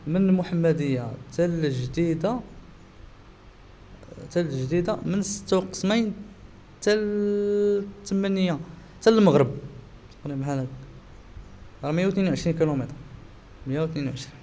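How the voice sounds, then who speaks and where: A man's voice: on the high side, quick pace, pauses often, warm tone. A Moroccan man recounting a cycling trip as a casual vlogger, often repeating his phrases. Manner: repeats himself. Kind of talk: casual vlog talk. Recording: faint background ambient noise.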